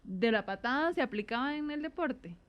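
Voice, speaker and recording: A woman hosting an interview, attentive and quick to affirm her guests. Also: high-pitched, expressive. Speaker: host. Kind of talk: conversational interview.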